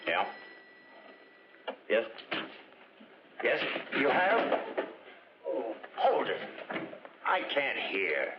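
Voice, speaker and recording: An actor playing a flustered dog owner answering a phone call. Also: male voice, medium pitch, wildly swooping pitch, drawn-out words, long pauses, exaggerated voice. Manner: flustered, hushing others. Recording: dull old film soundtrack with loud noise.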